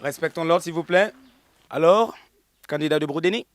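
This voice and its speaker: A man's voice: a little high, brisk, dry recording, natural voice. An actor playing a male village radio quiz host who announces questions and keeps bursting into laughter, with a Burkinabè French accent. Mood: announcing.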